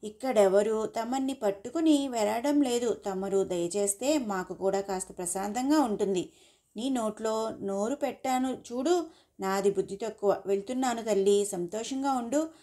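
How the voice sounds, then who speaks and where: Woman reading as a cheeky, teasing young man, mock-polite, mellow tone, storybook. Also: on the high side, moderate pace, natural voice.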